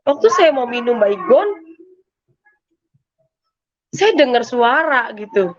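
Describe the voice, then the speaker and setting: A woman's voice: a little high, very animated, slow pace. Emotional woman, speech. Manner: emotional, colloquial, repetitive storytelling. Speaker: testimony giver. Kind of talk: personal faith testimony. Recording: muffled lo-fi sound.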